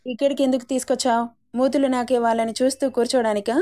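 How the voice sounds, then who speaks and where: A woman voicing a feisty young woman who scolds with a sharp tongue, in a storybook reading. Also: fairly high pitch, flat delivery, fast, close to an everyday voice. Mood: scolding.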